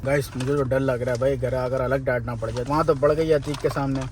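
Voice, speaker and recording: A young man chatting casually in a vlog, excitable and talking to his viewers. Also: mid-range voice, fast, roomy sound. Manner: excitable, talks to viewers and friends. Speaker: vlogger.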